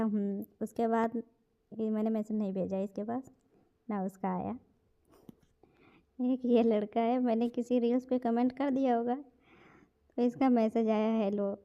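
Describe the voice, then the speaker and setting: A woman's voice: a little high, lo-fi sound. A young woman vlogger, amused, casually reading out chat messages and her replies.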